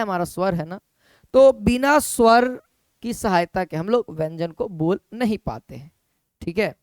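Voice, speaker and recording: A man teaches an exam-prep class in a high-pitched, smooth, resonant voice with a fairly bright tone. He repeats key points over and over, posing questions to his students and answering them himself. The recording is close and dry, with no room sound.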